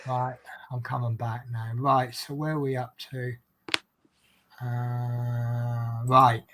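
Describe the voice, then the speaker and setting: A man's voice: mid-range voice, level tone, takes it slowly, noisy background. A man with a Norfolk accent chatting casually in a jokey, self-deprecating, rambling way as he hosts a live stream. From Norfolk, England. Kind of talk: casual chat.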